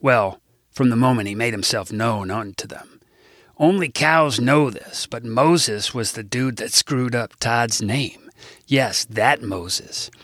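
A man's voice: mid-range voice, takes it slowly, fairly bright tone, no echo, clean studio sound. A man reading his own comic novel aloud, with wry, irreverent asides to the listener. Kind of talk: comic audiobook narration.

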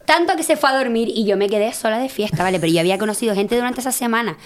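A woman, a podcast guest telling stories in a lively, laughing way and acting out the lines she quotes. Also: on the high side, racing, a little hiss or hum. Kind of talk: casual chat, storytelling.

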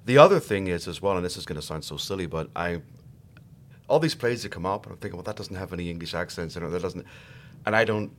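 A man's voice: sits low, a little hiss or hum. A middle-aged Irish man chatting as a podcast guest, hesitant and self-deprecating, often repeating words as he goes. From Ireland. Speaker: guest actor. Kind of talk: casual podcast chat.

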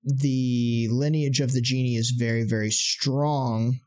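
Podcast co-host, male, mid-pitched, rambling explainer with lots of fillers. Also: steady tone, slow, darkish tone. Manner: rambling, explains game rules with many fillers. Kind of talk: casual chat.

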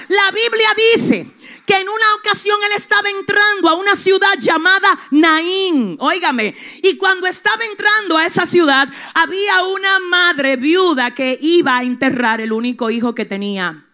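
A woman pastor preaching a sermon with passion, dropping to a hush and rising to shouts as she calls out to the congregation. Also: extremely high pitch, expressive, normal speed. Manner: impassioned, swings from hushed to shouting.

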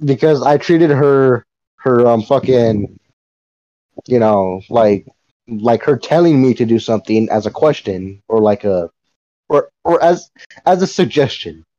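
Mellow-voiced, swearing man telling stories. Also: mid-range voice, animated, a little slow. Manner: profane, rambling storyteller who laughs often. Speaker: podcast co-host. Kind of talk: casual chat. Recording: dull lo-fi sound.

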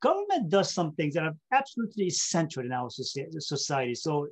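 A man's voice: fairly high pitch, huge pitch swings, fast. A man from South Korea speaking English as an interview guest, ending his points with tag questions and many filler uhs. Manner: ends points with tag questions like okay and right; frequent filler uhs and repeated words. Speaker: state government official, interview guest. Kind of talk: casual interview talk.

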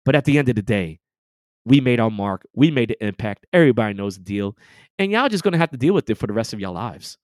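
A man's voice: mid-range voice, animated, fast talker, dry recording, studio quality. A man hosting a podcast, ranting in a casual, gloating and heated way, full of profane trash talk. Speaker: podcast host.

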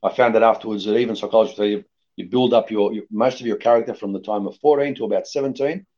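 A middle-aged man raised in Australia, talking casually as a podcast guest in a rambling, lively way with many restarts. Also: on the low side, quick pace. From born in Greece, raised in Australia. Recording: dull lo-fi podcast audio.

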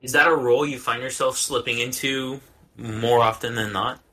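A man's voice: medium pitch, fairly even intonation, moderate pace, pushed and bright. A man hosting a casual podcast, prompting his guests with questions and upbeat asides. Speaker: podcast host. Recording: dull lo-fi audio.

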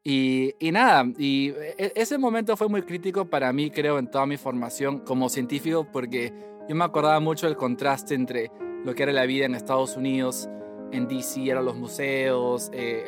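A young man, a guest telling his story in a lively way and slipping English phrases in among fillers. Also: medium pitch. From Peru. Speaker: guest scientist. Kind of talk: casual interview storytelling.

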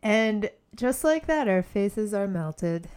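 A woman's voice: mid-range voice, expressive, slow pace, darkish tone. A woman co-hosting a podcast, talking in an earnest, emphatic way and laughing easily. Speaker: podcast co-host. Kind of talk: casual chat.

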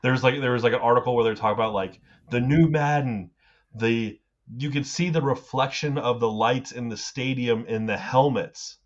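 A man's voice: medium pitch, normal speed, muffled recording. A man co-hosting a live podcast, telling rambling stories full of "like" and fillers over a video call. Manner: rambling storytelling, filler-heavy. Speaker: podcast co-host. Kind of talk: casual chat.

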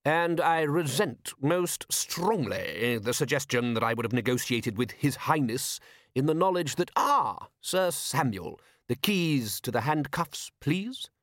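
A suave, cunning ruler speaks with an unhurried, faintly amused smoothness, as a male narrator puts him on. His voice rides a little above the reader's own and moves with lively pitch. The recording is close and dry, with no room sound. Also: no room sound. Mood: silky.

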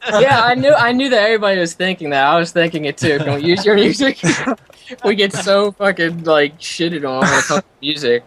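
A man's voice: sits high, animated, fairly quick, a bit bright. A man in a casual chat, crude and sarcastic.

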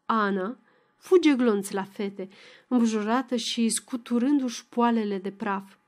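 Woman narrating a novel, fairly high voice. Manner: expressive, dramatic reading.

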